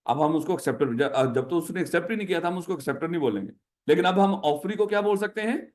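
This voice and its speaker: High-voiced Pakistani male lecturer. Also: fast. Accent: Pakistani Urdu. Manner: addresses students as "my child", repeats questions for drilling. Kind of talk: classroom lecture.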